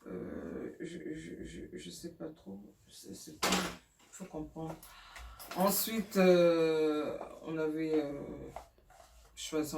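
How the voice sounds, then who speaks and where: A woman's voice: low-pitched, creaky, mellow, roomy sound, recorded from a distance, slight background noise. A middle-aged mother chatting casually through her child's school supplies, hesitant with many fillers and laughing at herself. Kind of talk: casual home vlog.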